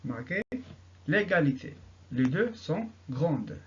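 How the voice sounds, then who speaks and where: A man teaching an English grammar lesson, repeating each example sentence slowly and answering his own questions. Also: fairly high pitch, big pitch swings, muffled recording.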